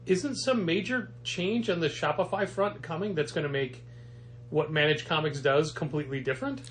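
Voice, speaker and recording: A man's voice: a little high, normal speed. A man co-hosting a comic shop podcast, asking prompting questions and teasing his co-host. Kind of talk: casual chat.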